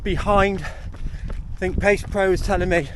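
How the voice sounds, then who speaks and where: High-pitched man talking while running outdoors. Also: fairly even intonation, a little slow. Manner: talking while running, in short broken phrases. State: exerted, talking mid-run. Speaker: running vlogger. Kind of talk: casual vlog commentary to camera while running. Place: outdoors on country roads, on the move. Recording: windy outdoor camera audio with clear noise. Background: wind and outdoor ambience.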